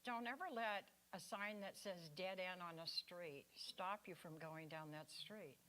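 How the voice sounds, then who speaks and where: Woman, 60s, sermon speaker; animated, conversational, playful. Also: on the low side, unhurried. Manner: chatty and animated, playful asides. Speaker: speaker at a spiritual center. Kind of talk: sermon talk.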